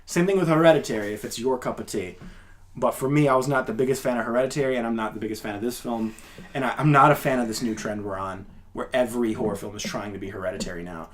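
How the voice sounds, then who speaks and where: A man's voice: medium pitch, fast. A man co-hosting a film review podcast, chatting casually and animatedly, with lots of filler words. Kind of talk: casual chat.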